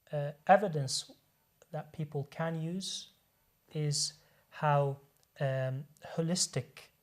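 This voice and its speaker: With a slightly high, somewhat mellow voice, this man, a doctor, takes part as a guest in a studio discussion. He explains things earnestly and frequently restarts sentences by repeating words.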